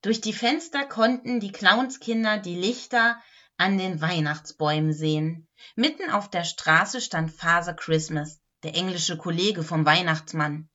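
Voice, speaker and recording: A woman in a clown role reading a Christmas storybook aloud, playful and animated. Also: lowish voice, a little slow, muffled recording.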